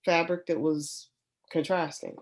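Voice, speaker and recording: Woman, low congested voice, lax and hesitant delivery, informal conversation among hobbyists. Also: level tone, unhurried. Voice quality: congested, stuffy-sounding. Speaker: sewing group member showing her projects. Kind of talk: casual chat.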